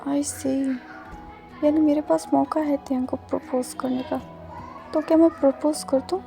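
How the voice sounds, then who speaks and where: A woman's voice: sits high, steady tone, unhurried, vocal fry, mellow, soft background music. A woman voicing a flustered young man in love in a told fan-fiction story. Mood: nervous.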